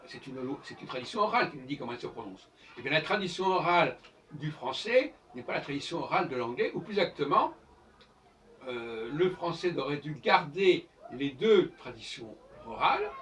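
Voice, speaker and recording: A man's voice: on the high side, sing-song, brisk, fairly bright tone. A man giving an informal lecture as host of his own channel, explaining in a professorial way and spelling out examples letter by letter. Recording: distant mic with faint background noise.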